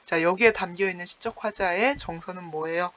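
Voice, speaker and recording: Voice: mid-range voice, brisk, a bit bright. A teacher giving an online class on classical poetry, chatty and explanatory, peppering the talk with fillers and acting out lines with sighs and chuckles.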